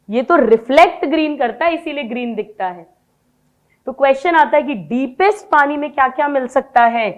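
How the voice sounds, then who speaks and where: A woman teaching biology in a classroom-style lecture, asking questions, answering them herself and slowly dictating notes in English. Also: sits high.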